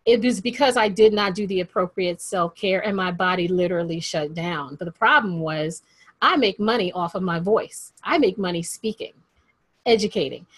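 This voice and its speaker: A woman's voice: mid-range voice, fairly bright tone, breathy edge, no room sound. A woman hosting a podcast interview, upbeat and chatty, repeating phrases for emphasis. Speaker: podcast host.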